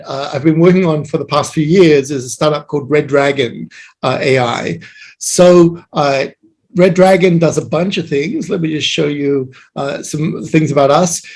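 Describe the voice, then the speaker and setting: A man giving an online meetup talk, speaking haltingly with many fillers and restarts. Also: fairly high pitch, a little mellow. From Australia. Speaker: guest speaker.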